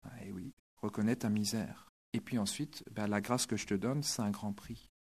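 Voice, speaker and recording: A man voicing God as a gentle father speaking softly and familiarly. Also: lowish voice, fairly even intonation, moderate pace, husky. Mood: tender.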